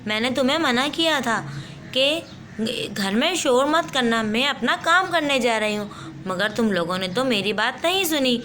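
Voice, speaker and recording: Woman voicing a bossy female tutor, doll play story, bright voice, slightly high, scolding. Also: expressive, a little slow, a little hiss or hum, exaggerated voice. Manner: scolding, firm and instructive. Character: strict young female tutor, bossy older sister type.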